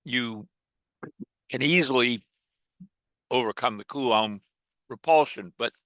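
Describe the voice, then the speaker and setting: A man giving a technical lecture to a hobby group, hesitant, with many fillers and restarts and frequent throat-clearing. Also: mid-range voice, slow pace, fairly bright tone, no echo. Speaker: technical presenter. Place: meeting room.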